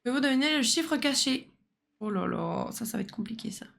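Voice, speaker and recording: A woman's voice: on the high side, animated, a little fast, gravelly, fairly bright tone. A woman streamer playing a puzzle game, thinking aloud and bickering with a co-player over the answers. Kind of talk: casual puzzle game chat.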